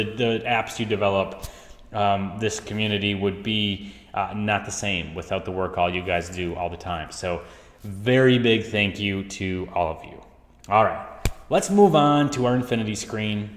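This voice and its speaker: A man hosting a casual tech news recap, chatty and joking at his own expense, recorded in an empty house with a big, hall-like echo. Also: fairly low pitch. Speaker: show host. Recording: echoey empty house with long reverb.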